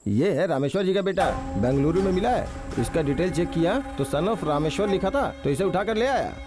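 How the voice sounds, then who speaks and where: A man's voice: high-pitched, animated, brisk, music in the background. An actor dubbing an eager henchman who reports to his boss in a Hindi film dub.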